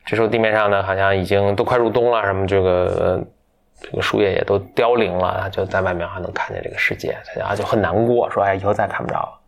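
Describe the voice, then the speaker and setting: A man casually retelling a fairy tale to a friend, rambling with many fillers and self-corrections, playful and quick to get animated. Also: low voice, gravelly. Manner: playful, gets animated and laughs. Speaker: storyteller.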